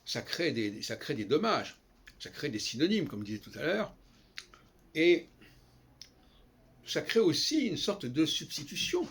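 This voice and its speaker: A man giving an unscripted, lecturing monologue on language, halting and digressive with frequent restarts. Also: a little high, big pitch swings, a bit bright, breathy edge. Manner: lecturing, explanatory. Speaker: solo commentator on language.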